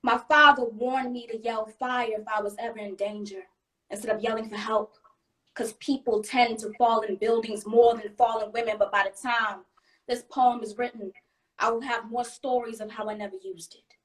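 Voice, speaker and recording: A woman performing a slam poem over a video call with an earnest, measured delivery. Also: on the high side, steady tone. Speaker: slam poet. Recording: distant from the mic.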